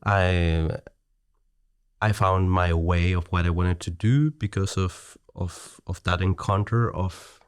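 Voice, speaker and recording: This podcast guest, a middle-aged man from Chile, talks casually in Chilean-accented Spanish, stumbling into frequent restarts and quick laughs. His low-pitched voice is smooth and steady, and his pace is slow. The studio sound is clean, with no echo.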